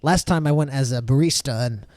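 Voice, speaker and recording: A man's voice: mid-range voice, a little fast, darkish tone, dry recording. A man narrating as dungeon master, rambling with fillers and restarts. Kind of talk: narrating a tabletop game.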